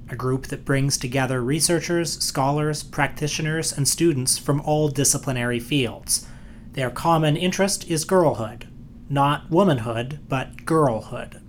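A man's voice: medium pitch, a little hiss or hum. Male podcast host reading a scripted introduction.

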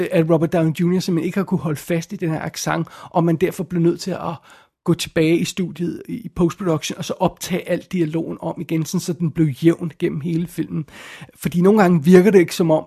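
A man with a fairly high, gravelly voice talks through a film review off the cuff. His tone is husky rather than clean, and he keeps stopping to restart and repeat words as he gathers his thoughts. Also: warm tone.

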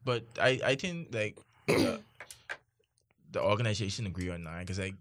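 A man's voice: on the low side, sing-song, moderate pace, fairly bright tone. A man in casual group banter, talking in a slangy, argumentative, bro-ish way.

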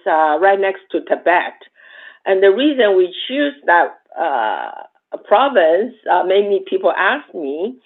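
Woman nonprofit founder, slow and hesitant, thin phone-like sound. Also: medium pitch. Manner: hesitant, many fillers, slow. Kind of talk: interview answer. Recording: tinny phone-like line.

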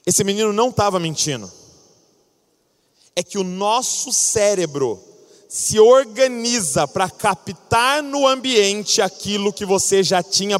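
High-voiced preacher in a reverberant hall. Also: male voice. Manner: animated storytelling, acting out scenes. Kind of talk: sermon. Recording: long reverb of a large hall.

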